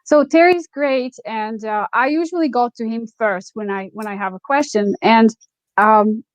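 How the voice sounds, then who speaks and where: A native Slovak woman with a Slovak accent touched by Nova Scotian, talking casually and reflectively as an interview guest, often pausing to find her words. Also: on the high side, no room sound, poor audio. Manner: reflective, halting, searching for words. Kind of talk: casual conversational storytelling.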